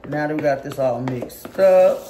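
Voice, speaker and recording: A young woman with a low, warm voice hosts a casual home cooking vlog, chatting and teasing as she speaks directly to her viewers at a normal speed. Her arm is getting tired from mixing. She's in her home kitchen, and the recording is echoey with background noise.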